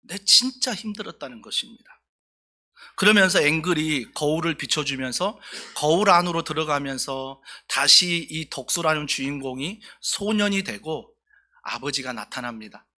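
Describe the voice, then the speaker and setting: Male pastor, sermon, earnest, emotional storytelling, very bright tone, slightly high pitch. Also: lively intonation, normal speed.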